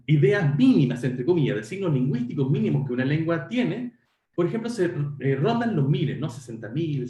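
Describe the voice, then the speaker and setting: A fairly high male voice with a darkish tone echoes around the room. He's presenting an online university lecture, speaking conversationally to his students and self-correcting throughout.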